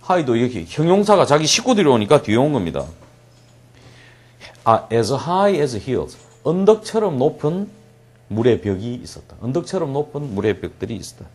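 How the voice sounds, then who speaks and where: Animated male English teacher lecturing. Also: mid-range voice. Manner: slow deliberate English reading, quick Korean explanation; asks questions and answers them himself. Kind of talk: classroom lecture.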